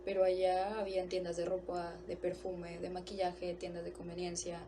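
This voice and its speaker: Flat-voiced woman, noisy background. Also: fairly low pitch, normal speed. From Mexico. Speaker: interviewee. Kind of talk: casual recollection.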